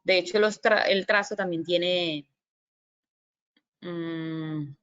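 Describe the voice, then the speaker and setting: Speaking extremely slowly with fairly even intonation, a woman whose voice is on the low side and fairly bright gives a virtual Mandarin basics lecture. She explains patiently, fills pauses often, and voices example syllables to model tones. The computer microphone on her video call gives slightly dull lo-fi sound.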